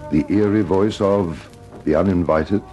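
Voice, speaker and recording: An actor narrating supernatural radio tales in a haunting, ominous, dramatic manner. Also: male voice, deep voice, measured pace, loud music behind the voice.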